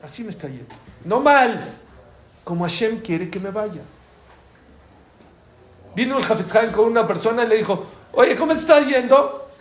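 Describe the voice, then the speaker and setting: A man giving a religious lesson as a Torah teacher, acting out dialogues and swinging between loud and hushed. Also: sits high, animated, moderate pace, pauses often. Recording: echoey room.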